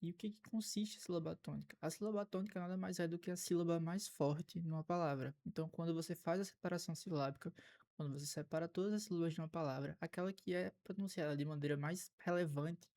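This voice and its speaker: A man with a Brazilian Portuguese accent teaching an exam-prep grammar lesson, explaining rules methodically, repeating key points and pausing on filler sounds. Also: fairly high pitch, steady tone, darkish tone. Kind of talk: recorded online lesson.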